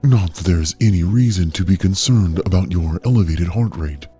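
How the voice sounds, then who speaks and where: An actor playing a calm, coldly polite AI caretaker, a gentle care robot that speaks in a soothing, measured, clinical way. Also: male voice, deep voice, slightly rough, soft background music. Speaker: AI overseer of a medical trial. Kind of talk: audio drama narration.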